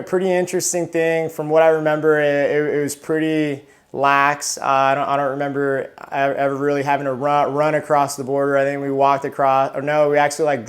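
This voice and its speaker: A retired Marine in his thirties from Southern California tells his life story in a casual interview, using a mid-range voice. He often restarts and repeats words.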